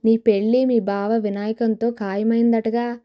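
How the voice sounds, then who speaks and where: A woman's voice: on the high side, flat delivery, a little slow, dull audio, close to an everyday voice. A woman voicing a scheming young woman who coaxes her friend with persuasive talk, in an audio novel. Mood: coaxing. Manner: coaxing, persuasive.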